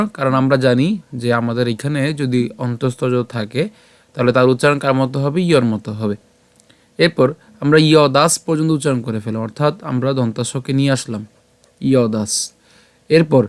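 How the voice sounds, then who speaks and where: Male teacher, patient syllable-by-syllable recitation lesson, mid-pitched voice, dry close sound. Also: dry recording. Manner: patient, breaks words into syllables slowly. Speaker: scripture pronunciation teacher.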